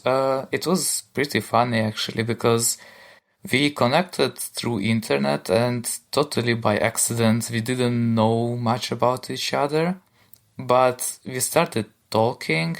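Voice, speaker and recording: A young man from Hungary, co-hosting a podcast, speaking thoughtfully with many pauses. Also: mid-range voice. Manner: thoughtful, hesitant with fillers. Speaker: podcast co-host. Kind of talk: casual chat.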